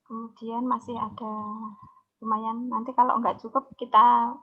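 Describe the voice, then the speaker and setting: Woman teacher with a high voice. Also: level tone, a little slow, narrow, tinny audio. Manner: explains step by step, repeats key words, frequent "ya" checks. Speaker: science teacher. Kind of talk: online exam review lesson. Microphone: video call.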